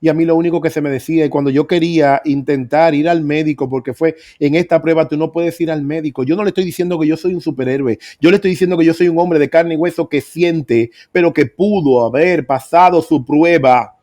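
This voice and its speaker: A man's voice: a little high, steady tone, fairly quick, few pauses, a little mellow. A middle-aged man preaching, telling his own story with earnest emphasis. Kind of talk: sermon testimony.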